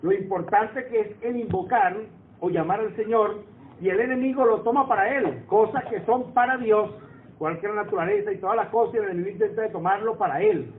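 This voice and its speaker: A man preaches in a high voice, talking with the congregation and asking them for agreement. The sound is thin and phone-like, with a roomy echo around it. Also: brisk. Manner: conversational, asks the congregation for agreement. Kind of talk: sermon. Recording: echoey room over a tinny phone-like line.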